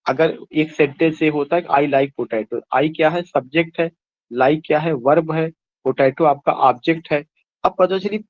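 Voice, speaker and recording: A man's voice: on the high side, no echo. Man teaching, dull dry recording. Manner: explains in Hindi mixed with English terms, asks and answers his own questions; reads English question text slowly and deliberately. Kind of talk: exam-prep lecture explaining quiz answers.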